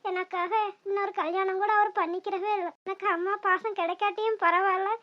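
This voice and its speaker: A woman voicing a shy, teasing young wife in a cartoon who talks softly. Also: extremely high pitch, steady tone, brisk. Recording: dry, dull lo-fi sound.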